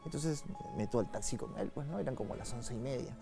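Un hombre con acento peruano, invitado ocultista, que narra con calma y en voz baja una experiencia personal en una entrevista. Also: male voice, mid-range voice, brisk, creaky, music in the background. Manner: soft-spoken, calm storytelling with frequent tag questions. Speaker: occultist guest. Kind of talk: telling a personal story in an interview.

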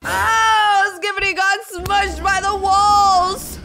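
A woman's voice: very high voice, little pitch movement, takes it slowly, over music. A woman hosting a playful, kid-friendly reaction video in a theatrical way, with exaggerated gasps and exclamations.

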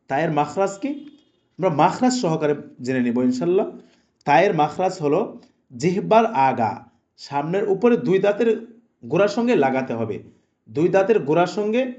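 A man teaching Quran recitation, slowly and deliberately drawing out each letter sound for his students to repeat. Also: fairly high pitch, big pitch swings, a little mellow, lo-fi sound. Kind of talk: slow instructional lesson.

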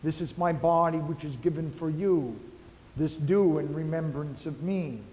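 A male pastor slowly and solemnly reciting liturgical prayers, heard with a long cathedral echo in a large church. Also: on the high side, darkish tone. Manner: slow, measured, solemn recitation. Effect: cathedral echo, long church reverb. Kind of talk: liturgical prayer and communion rite. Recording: echoey church hall with faint music.

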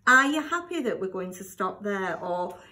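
A woman's voice: medium pitch, normal speed. Encouraging woman teacher. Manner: warm, encouraging, lots of praise; expressive, swooping intonation. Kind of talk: one-to-one reading lesson with a child.

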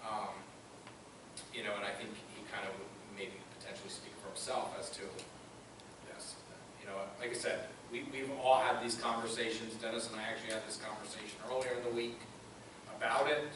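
A man at a school board meeting explaining a point at length in a measured way, recorded from a far camera. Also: lowish voice, steady tone. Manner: measured, explanatory, hesitant fillers. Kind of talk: meeting discussion. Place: large meeting room. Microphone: far room camera. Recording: echoey room from far off, hissy.

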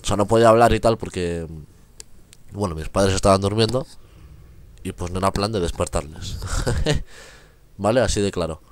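A man's voice: low-pitched, normal speed, pauses often. Chatty young man narrating gameplay. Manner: chatty, rambling, laughs often. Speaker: gaming youtuber. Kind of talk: casual gameplay commentary.

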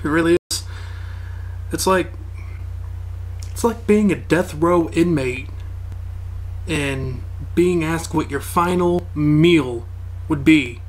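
A man speaking expressively and excitedly to camera about gaming. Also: on the high side, slow, pauses often, rough recording. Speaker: gamer interviewee. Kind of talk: personal testimony to camera.

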